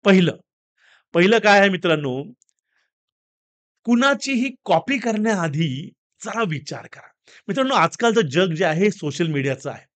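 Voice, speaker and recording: A man delivers a motivational talk built around a story, his voice high for a man and swinging widely in pitch. He speaks in an animated, direct way, addressing listeners as friends. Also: normal speed.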